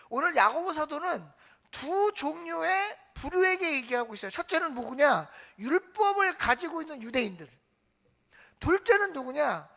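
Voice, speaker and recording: Woman pastor, high bright voice, call-and-answer sermon style. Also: gravelly. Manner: asks the congregation questions and answers them herself. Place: church sanctuary.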